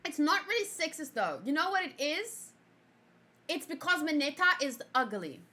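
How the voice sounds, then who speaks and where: Reviewing an anime in a casual chat, a young native Afrikaans speaker reacts to her own old video, chatty and giggly. Her high voice sounds bright and sharp, very animated at a moderate pace, as she jumps from loud outbursts to mumbling quietly to herself.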